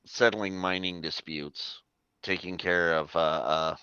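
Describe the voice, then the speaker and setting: Casting: man running a tabletop game, low, forceful voice, dry dull recording. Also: fairly even intonation, takes it slowly, smooth, no room sound. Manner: rambling, many fillers. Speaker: game master.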